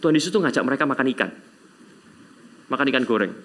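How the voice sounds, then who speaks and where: A man preaching a sermon as pastor, telling stories with sudden loud exclamations and quiet asides. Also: mid-range voice, lively intonation, fast.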